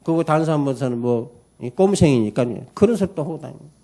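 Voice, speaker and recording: A man's voice: a little high, lively intonation, quick pace, warm tone. A man pastor giving a Sunday morning sermon in church, preaching emphatically, calling for amens and telling a story with many fillers. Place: church service.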